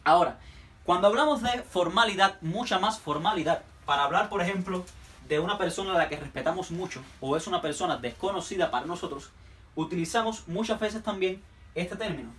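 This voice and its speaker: A man teaching a language lesson, patiently repeating words slowly for learners. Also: high-pitched, animated, a bit bright, distant mic. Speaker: Portuguese teacher.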